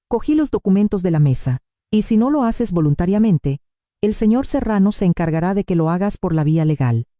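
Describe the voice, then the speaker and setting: Dark-voiced woman narrating a story. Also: medium pitch, no echo, clean studio sound. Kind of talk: scripted first-person narration.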